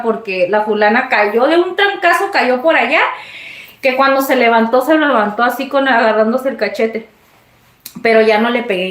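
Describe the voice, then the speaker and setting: Mexican woman host, chatty live-stream storyteller, lively high voice, roomy echo. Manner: animated, swoops high when retelling scenes. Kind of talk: casual storytelling to viewers.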